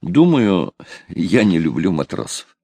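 A man's voice: low voice, very animated, takes it slowly, gravelly, dark tone, slightly rough, no echo, clean studio sound, exaggerated voice. A man reading an audiobook, voicing a coy, stubborn young woman. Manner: hesitant, teasing.

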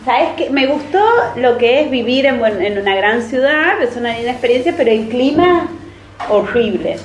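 A woman's voice: fairly high pitch, normal speed, slight background noise. Chatty woman in a roomy space. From Santiago del Estero, Argentina. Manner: chatty, animated answers. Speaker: interview guest, photojournalist. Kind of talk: casual group interview. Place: cultural centre room. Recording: roomy, echoey room.

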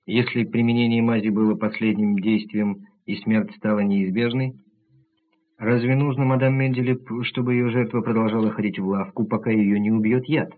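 A man reading the part of a calm, analytical doctor who lays out his reasoning methodically, in a husky low voice on tinny audio. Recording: tinny narrow-band audio.

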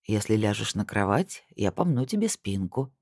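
A reader voicing a cocky young man who teases his girlfriend in a low, soft, smug tone, in an audiobook. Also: sing-song, normal speed, no room sound, clean studio sound. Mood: teasing. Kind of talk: audiobook dialogue.

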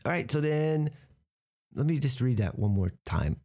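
An American man with a medium-pitched, sing-song voice and a warm tone teaches English vocabulary at a moderate pace. He is explaining words from a TV clip, patiently breaking them into pieces and spelling them out for a learner.

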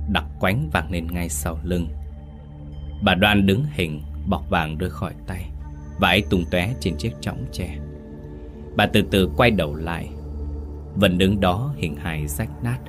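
A man with a very low voice narrates a horror story in a slow, grave manner. Faint music runs beneath his scripted reading.

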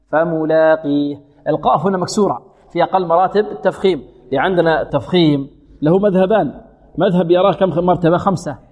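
A man teaching Quran recitation rules. He asks his students questions and answers them himself, and he recites verses slowly as examples. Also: high-pitched, a little mellow. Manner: has students repeat sounds after him. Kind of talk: tajweed lesson with slow recited examples. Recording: phone-like audio with long hall reverb.

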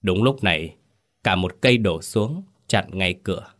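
A man reading a ghost story aloud in a steady, even storytelling manner. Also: deep voice, moderate pace, faint music behind. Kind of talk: scripted ghost story narration.

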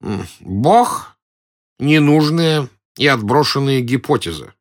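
A man's voice: mid-range voice, animated, slow, pitched above the performer's own voice. A man playing a timid, pedantic elderly male professor in an audiobook, whining and indignant. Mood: fussy, whiny. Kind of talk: audiobook character voice.

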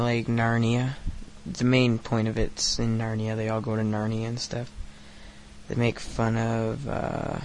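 This is a thirteen-year-old boy's casual solo podcast, where he rambles crudely, swears, and uses lots of fillers while recovering from hoarseness. His voice is medium-pitched, with slight background noise.

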